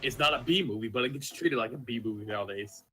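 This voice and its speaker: A man's voice: mid-range voice, quick pace, fairly bright tone, a little hiss or hum, low-quality recording. A young man co-hosting a casual podcast, offhand and opinionated. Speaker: podcast co-host. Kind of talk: casual chat.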